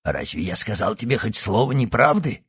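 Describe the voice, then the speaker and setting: A man's voice: on the low side, sing-song, moderate pace, fairly bright tone, breathy edge, no echo, full character voice. A man voicing a scheming old doctor who is secretly a villainous professor, speaking in a condescending, sly way in an audiobook. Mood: sinister. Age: over 60. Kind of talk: audiobook character acting.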